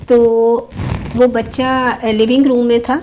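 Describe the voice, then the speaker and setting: A woman with a slightly high voice hosts a relaxed conversation. She tells family stories at an easy pace and drops English words into her speech. There is a faint hiss in the background. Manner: storytelling, mixes English words into Urdu. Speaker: host. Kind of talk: casual chat.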